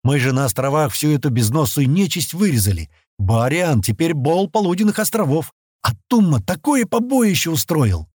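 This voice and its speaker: A cocky young mountain lad, sure of himself and quick to tease his friends, as a male audiobook reader puts him on. The voice sits higher than the reader's own and swings widely in pitch. It is dry, with a husky edge. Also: very animated, a little mellow, no echo. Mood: brash. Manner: brash, confident, teasing. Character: bold cheerful young mountain heir.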